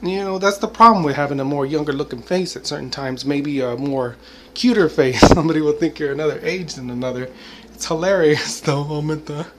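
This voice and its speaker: There's background noise as a man in his forties, a vlogger, speaks a little fast in a fairly high voice. His casual monologue to the camera rambles reflectively, sprinkled with "you know," "I mean," and occasional laughter.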